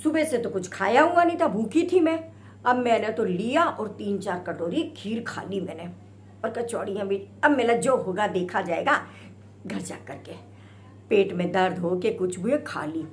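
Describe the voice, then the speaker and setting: A middle-aged woman recounts a family gathering in a chatty vlog, jumping into other people's voices as she tells it. Her pitch sits in a middling range, and a faint hum runs underneath. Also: moderate pace. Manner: lively, acts out family banter in different voices. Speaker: vlogger. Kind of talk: casual storytelling vlog.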